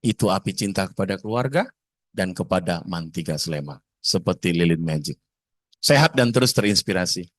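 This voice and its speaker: A man giving a lively seminar talk to parents, often asking the audience questions. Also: low voice, moderate pace, dry recording. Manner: animated, asks the audience questions.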